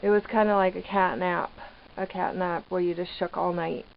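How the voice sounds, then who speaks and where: A woman giving rambling, hesitant, casual vlog commentary from inside a small trailer, pausing mid-sentence. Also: fairly low pitch, steady tone, vocal fry. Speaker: vlogger living off grid in a trailer. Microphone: handheld camera microphone. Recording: dull lo-fi camera audio, background noise.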